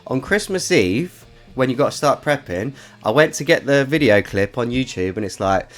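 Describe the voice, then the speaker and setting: A man co-hosting a podcast, chatting casually and telling stories animatedly, getting loud when excited. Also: mid-range voice, moderate pace, faint music behind. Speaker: podcast co-host. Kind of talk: casual chat.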